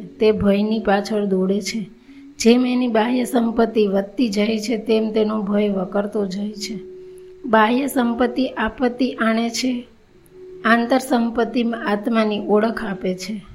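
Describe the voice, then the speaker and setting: Slow, measured woman storyteller. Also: on the high side, darkish tone, poor audio. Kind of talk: storybook narration.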